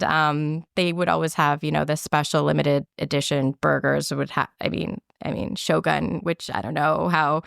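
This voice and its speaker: Low, gravelly woman chatting in interview. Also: fairly bright tone, no room sound, studio quality. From Hong Kong. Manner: chatty, many fillers like "um" and "like". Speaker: guest, food writer and former restaurant inspector. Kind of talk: casual interview chat.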